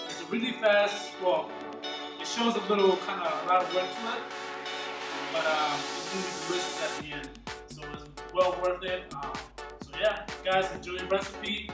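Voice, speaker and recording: A man with a fairly high voice talks through a cooking demonstration in an easygoing way, pausing often with ums and uhs. Clear background music plays under his voice throughout. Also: rough recording. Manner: relaxed, many ums and uhs while explaining. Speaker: cooking video host.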